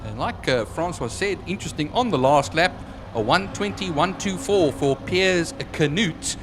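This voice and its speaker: A man's voice: fairly high pitch, lively intonation, normal speed, over music. A man commentating live on a motorsport race, calling positions, corners and timings. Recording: clear motorcycle noise behind voice. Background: vehicle noise.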